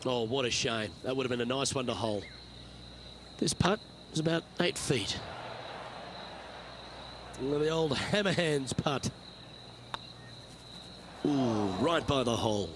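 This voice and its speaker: A man playing a measured, courteous golf play-by-play announcer in a video game. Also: mid-range voice, expressive, background noise, lightly acted. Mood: measured commentary. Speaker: golf commentator.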